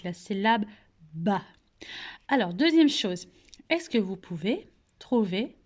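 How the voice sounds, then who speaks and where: A woman teacher with a French accent leads a recorded phonics lesson for young children, pronouncing each word slowly and clearly, asking gentle questions and praising the answers. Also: medium pitch. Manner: slow, clearly articulated, patient, coaxing questions and praise. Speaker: kindergarten teacher.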